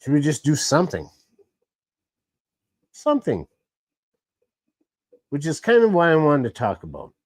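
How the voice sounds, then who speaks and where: A man's voice: on the high side, wildly swooping pitch, fast, few pauses, no echo. A man casually hosting a live stream, rambling along and greeting chat viewers by name. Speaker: livestream host.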